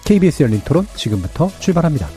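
A man hosting a public radio debate show, presenting in a formal, measured, scripted way. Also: fairly high pitch, sing-song, music in the background. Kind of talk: public radio host, scripted introductions and moderation. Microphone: studio broadcast microphone.

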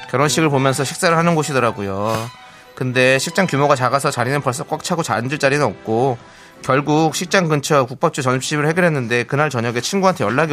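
A man hosting a radio show, telling a listener's story and reading out messages in a brisk way. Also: medium pitch, fairly bright tone. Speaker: radio host.

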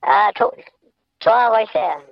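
A man in his seventies, a phone-in guest, speaking through a voice changer that shifts his pitch, giving short, hesitant answers. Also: huge pitch swings, normal speed, vocal fry, dry recording. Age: 70s. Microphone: telephone. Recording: dull, dry phone line.

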